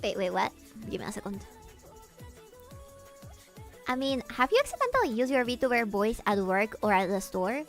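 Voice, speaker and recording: A woman with a fairly high voice talks off the cuff to her livestream audience. She is animated and giggly, and her pitch lifts when she gets excited. Faint music plays behind her. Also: normal speed, long pauses. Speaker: VTuber streamer. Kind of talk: casual livestream chat, answering viewers.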